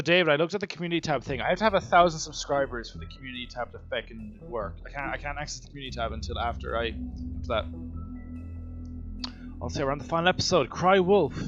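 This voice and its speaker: A man's voice: fairly high pitch, a bit bright. A man hosting a gaming channel, chatting casually while he plays and joking with his viewers in a playful, teasing way, laughing often. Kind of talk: casual let's-play commentary. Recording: dull lo-fi mic. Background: game music.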